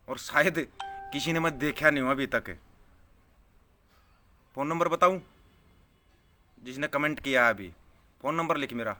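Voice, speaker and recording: A man delivers an angry political rant straight to his audience. His voice is forceful and tense, heated and scornful. He hammers each point by saying it twice, at a middling pitch. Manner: scornful, heated, repeats phrases for emphasis. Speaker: political vlogger answering viewer comments.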